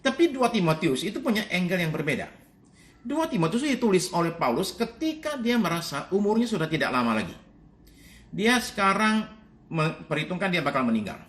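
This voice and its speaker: A man's voice: high voice, a little fast. A male pastor giving a conversational sermon, reading Bible verses aloud and explaining them in a chatty, informal way, often checking in with the congregation. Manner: lively, chatty preaching, often asks "Oke?".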